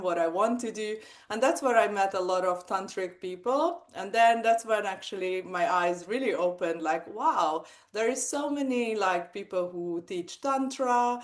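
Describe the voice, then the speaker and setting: A woman in her forties from Hungary, speaking English with a Hungarian accent, telling her story animatedly in an interview with many fillers. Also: medium pitch. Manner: animated, lots of fillers and acted-out quotes. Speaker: guest, sex coach and hypnotherapist. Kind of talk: casual interview chat.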